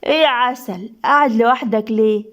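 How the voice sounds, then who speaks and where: A woman's voice: on the high side, fairly quick, lo-fi sound, lightly acted. A woman voicing a rude young male street thug with an Egyptian accent, taunting in an audio story. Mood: insolent. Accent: Egyptian Arabic.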